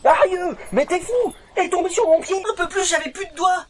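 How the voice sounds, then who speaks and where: A man's voice: high voice, expressive, fairly quick, darkish tone. Casting: man as young novice adventurer, complaining and overwhelmed, fantasy audio drama, echoey and noisy. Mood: alarmed, indignant. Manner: plaintive, complaining. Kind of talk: French fantasy audio saga acting. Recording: roomy, clearly noisy recording.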